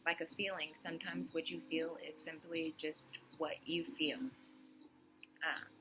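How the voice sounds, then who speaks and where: A young woman vlogger in her sleepy morning voice, talking softly and unhurriedly through a reflective monologue with many pauses. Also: sits low, level tone, background noise.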